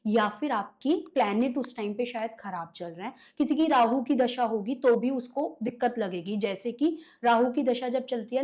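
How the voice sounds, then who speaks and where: As an interview guest, this occult healer animatedly impersonates her clients while telling stories in a conversational exchange. She has a fairly high-pitched voice with a darkish tone.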